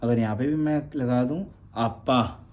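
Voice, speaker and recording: A man's voice: mid-range voice, unhurried, darkish tone, lo-fi sound. A man teaching a spoken lesson on writing letters, patiently sounding them out and checking in after each word. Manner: patient, repeats sounds aloud, frequent "theek hai ji". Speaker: Gurmukhi teacher.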